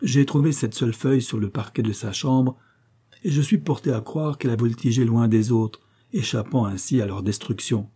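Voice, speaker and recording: A man voicing a desperate young gentleman who feels hunted by fate, telling his story anxiously. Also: medium pitch, normal speed, slightly rough, lightly acted.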